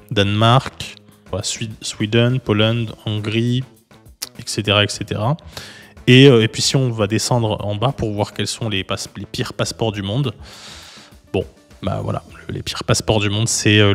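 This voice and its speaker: A man hosting a casual explainer video, talking viewers through a website in a relaxed, chatty way with frequent fillers and restarts. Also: on the low side, big-room sound. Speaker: YouTube host, legal consultant. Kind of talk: casual explainer with screen walkthrough.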